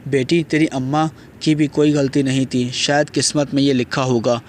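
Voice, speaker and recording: A man's voice: medium pitch, little pitch movement, a little mellow, slight background noise, natural voice. A man reading as a tearful remorseful aunt. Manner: pleading, apologetic.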